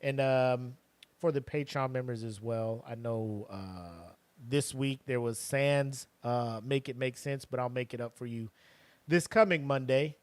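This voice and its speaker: A man co-hosting a podcast in casual chat, animated and sarcastic, full of slang. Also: mid-range voice, unhurried, dry recording. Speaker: podcast co-host.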